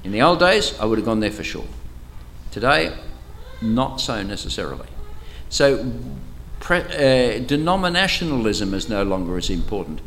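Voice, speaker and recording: An older Australian archbishop, his voice low and powerful, leads an interactive Bible study talk in a church camp meeting room at a moderate pace. His relaxed, chatty, teacherly delivery is full of small hesitations, a faint hum sits behind him, and he occasionally moves off the microphone.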